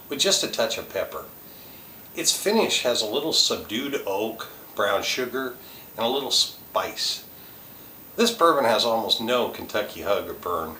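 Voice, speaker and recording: Lively man reading a review, roomy and distant. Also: on the low side, a little hiss or hum. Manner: reads tasting notes in a lively, listing delivery. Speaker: host. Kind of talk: scripted product review.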